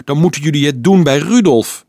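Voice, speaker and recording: A man voicing an agitated male crusade leader who insists and pleads loudly with a crowd of children, in a storybook reading. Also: on the high side, brisk, no room sound, studio quality, pitched above the performer's own voice. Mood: heated.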